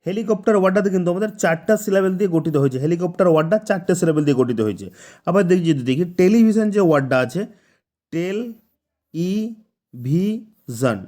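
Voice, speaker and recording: A man's voice: sits high, dark tone. A man teaching a grammar lesson, patiently breaking words into syllables and checking that listeners follow. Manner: patient, repeats words syllable by syllable, asks "ঠিক আছে?". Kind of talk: spoken lesson explaining examples.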